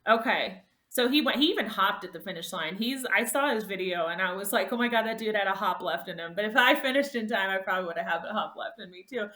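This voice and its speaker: Brief: bright, higher-pitched woman, podcast guest, animated storyteller who laughs a lot, roomy echoey sound. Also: fast talker, few pauses. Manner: animated, laughs often, voice rises sharply when reliving moments. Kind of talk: casual storytelling interview.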